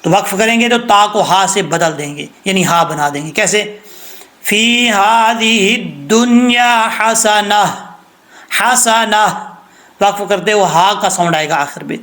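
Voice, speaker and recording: A man teaching Quran tajweed patiently, breaking into slow recitation of verses. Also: high voice, a bit bright. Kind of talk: recorded recitation lesson.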